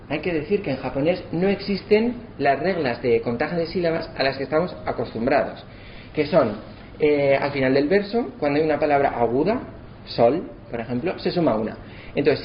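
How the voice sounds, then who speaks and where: A man giving a lesson, slowing down to sound out words syllable by syllable. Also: on the high side. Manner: spells out syllables slowly to demonstrate. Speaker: lecturer. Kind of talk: explanatory lesson. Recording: slightly dull, faint background noise.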